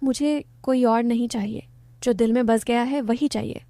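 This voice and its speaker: A woman reads the part of a lovesick young man who talks in a soft, coaxing, pleading way, lightly acted and staying close to everyday speech. The voice is fairly high and mellow, with fairly even intonation and a moderate pace, and the sound is close and dry with no room sound.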